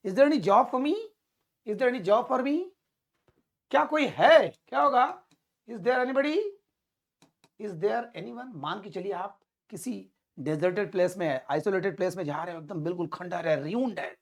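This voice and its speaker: Woman teaching spoken english, repeats every example sentence a few times, talks to learners like friends. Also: mid-range voice. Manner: drills example sentences over and over, addresses listeners as friends.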